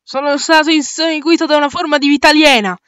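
A woman's voice: high-pitched, steady tone, fast talker, fairly bright tone, no echo, studio quality, pitched above the performer's own voice. A woman voicing a talkative young male space crewmate in an amateur audio drama, rambling and restarting mid-word. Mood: alarmed.

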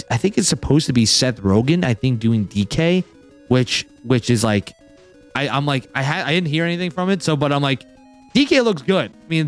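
Excitable, rambling man hosting a chat. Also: mid-range voice. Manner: rambling and excitable, full of "like" and "dude". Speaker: podcast host. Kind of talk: casual roundtable chat.

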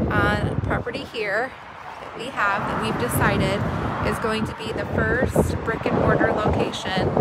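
Chatty woman vlogging outdoors, noisy phone audio. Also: medium pitch. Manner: informal, chatty, talks viewers through things. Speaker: small business owner vlogging. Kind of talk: casual live vlog chat to followers. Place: outdoors in a driveway beside a road. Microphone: handheld phone at arm's length.

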